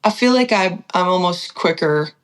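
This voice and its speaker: A woman's voice: on the low side, animated, moderate pace, low-quality recording. A woman singer-songwriter talking candidly in a casual podcast conversation, full of "like" fillers. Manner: chatty, lots of "like" fillers, candid.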